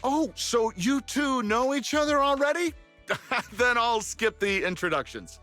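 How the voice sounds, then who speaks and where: Anime game director: high, bright, eager, apologetic people-pleaser. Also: male voice, unhurried, soft background music, full character voice. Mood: obliging. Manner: polite, excitable, placating. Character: eager, apologetic young male beach show director.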